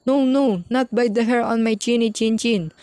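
A man voicing a small timid male pig in a storybook reading, with a high squeaky voice. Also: steady tone, normal speed, a little mellow, smooth, no room sound. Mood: pleading, squeaky.

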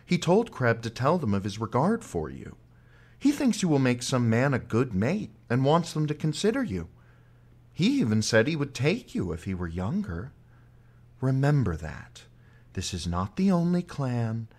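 A man voicing an old mother and medicine woman who comforts her daughter calmly and steadily. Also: medium pitch, normal speed, pitched above the performer's own voice. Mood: soothing.

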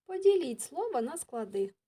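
A woman teaching children, reciting rhymes in a slow sing-song manner. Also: high-pitched, sing-song, warm tone. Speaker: kindergarten teacher. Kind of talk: classroom lesson with rhymes.

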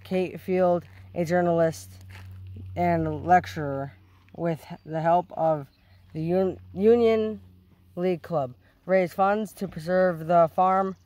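A man's voice: high-pitched, fairly even intonation, takes it slowly, a little mellow. A man vlogging on a rural hiking trail, casually narrating and reading historical plaques aloud, stumbling and correcting himself as he goes. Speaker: vlogger exploring a historic site.

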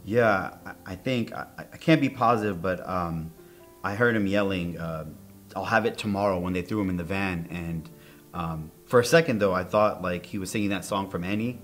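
A man plays an awkward, nervous witness in a naturalistic crime drama. His voice is low, and he rambles evasively and hesitantly, with music underneath. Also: normal speed, lightly acted. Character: nervous, awkward male witness being questioned by police. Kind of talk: naturalistic screen acting, interrogation scene.

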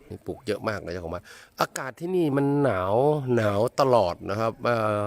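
Man from Thailand, low voice, travel vlogger, polite, rambling, hesitant, outdoors. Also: animated, fairly quick, gravelly. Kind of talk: casual travel vlog narration. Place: outdoors in a village.

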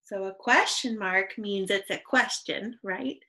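A woman's voice: medium pitch, unhurried, bright, forceful tone, rough recording. A young adult woman teaching an online reading lesson to young children, patient and encouraging, on a computer microphone.

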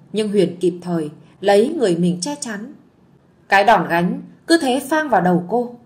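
A woman narrating a village story in a gentle, soothing way. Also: medium pitch.

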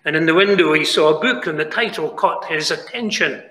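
A British man preaching a sermon in a chapel, pleading earnestly, moving from quiet asides to raised, emphatic lines. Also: a little high, brisk. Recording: echoey chapel with long reverb.

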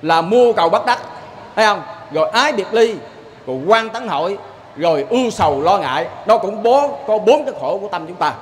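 A man's voice: sits high, animated, fairly quick, a little hiss or hum. A man with a Southern Vietnamese accent giving a sermon as a lay preacher, folksy and storytelling, often turning to the listeners with a question. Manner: folksy, keeps asking "see?" of the listeners.

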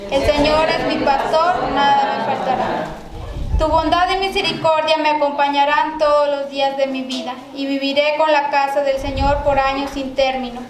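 A high-pitched woman with a Mexican accent leads the prayers of a church mass in a measured, recited cadence, now and then restarting a word. Her voice rings through a very echoey church, with clear background noise. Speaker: lay prayer leader. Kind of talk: liturgical prayer reading.

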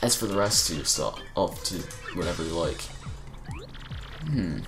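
A smug, flirtatious mouse burglar woman, as a man voices her for a game playthrough. She purrs her lines in a low, hushed tone, teasing and sly. Her pitch swings freely through each phrase. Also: expressive, moderate pace, over music. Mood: flirty, teasing. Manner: soft, hushed, teasing delivery. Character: sultry female mouse thief, flirty and smug.

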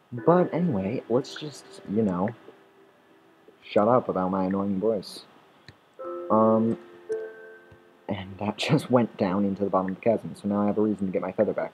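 Low-voiced man rambling through gameplay. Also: a little mellow, poor audio. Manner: rambling, swearing, talks at game mobs, restarts sentences. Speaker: gameplay commentator. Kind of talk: rambling let's-play commentary. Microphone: desktop or headset mic.

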